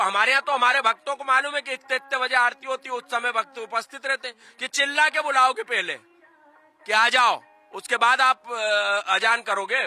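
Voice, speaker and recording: A man who is an activist spokesman for a cultural-religious organisation argues emphatically in a street news interview, repeating himself and firing off rhetorical questions. His voice is very high-pitched with a sharp tone, and he delivers an opinionated argument.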